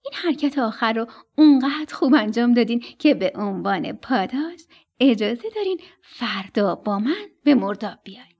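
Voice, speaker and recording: A woman's voice: fairly high pitch, expressive, dull audio. A woman telling a children's bedtime story on the radio in a tender voice that sometimes drops to a whisper.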